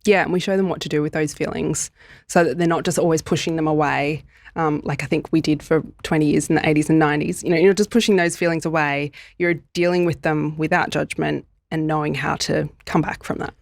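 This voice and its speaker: Woman, podcast co-host, casual explaining, everyday examples, deep voice, dry sound. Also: fairly even intonation, a little fast, gravelly, dry recording.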